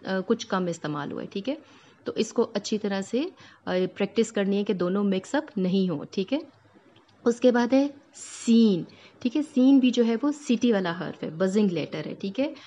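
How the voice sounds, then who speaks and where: A woman's voice: mid-range voice, darkish tone, muffled recording. A woman teaching Quran recitation rules, patiently explaining each letter and drawing out the sounds to demonstrate. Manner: patient, explains step by step, checks in often. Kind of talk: Tajweed lesson.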